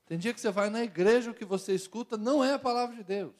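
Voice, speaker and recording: A man's voice: sits high, quick pace. A middle-aged man with a Brazilian Portuguese accent, a pastor giving a sermon to young people, speaking conversationally with jokes and repeated phrases. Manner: conversational preaching with jokes and rhetorical repetition.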